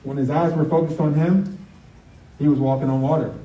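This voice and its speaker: A man's voice: fairly high pitch, a little fast. A man preaching a sermon with energy, reading scripture aloud and mixing in sports talk. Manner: energetic, uses football metaphors, reads scripture aloud. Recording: roomy, distant, dull mic sound.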